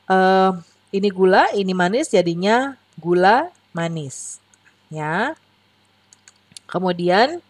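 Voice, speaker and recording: A woman, in her young adult years, teaches an English lesson for children. Her voice is lively and rises and falls in a sing-song way, she draws out the English words and speaks slowly. The recording is dry and close, with no room echo. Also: mid-range voice. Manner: slow, patient, sing-song explanations with drawn-out English words; frequent "ya" and "eh" fillers. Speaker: online English tutor for children. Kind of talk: bilingual English lesson for kids.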